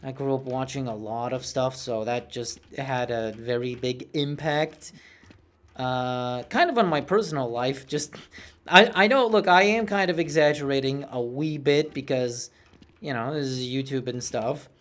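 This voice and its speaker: A man's voice: medium pitch, unhurried, a bit bright. A man in his twenties chatting casually while streaming a game, rambling and self-mocking, with a cartoonish voice. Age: 20s. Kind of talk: casual gameplay chat.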